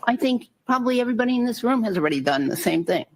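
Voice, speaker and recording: A woman giving courtroom testimony as a medical expert, careful and qualifying, halting and restarting words as she explains. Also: a little high, lively intonation. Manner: careful, qualifying, halting with repeated word starts. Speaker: medical expert witness, doctor.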